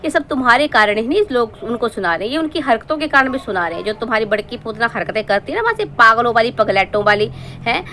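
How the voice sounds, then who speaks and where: A woman's voice: on the high side, lively intonation, fast talker, pushed and bright, a little hiss or hum. A woman from Himachal Pradesh giving a scolding, sarcastic roast monologue as a reaction-channel commentator, lecturing her target at length.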